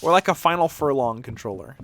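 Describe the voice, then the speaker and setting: A medium-pitched, somewhat bright man chats animatedly and fairly quickly during a game stream, rambling along with occasional swearing.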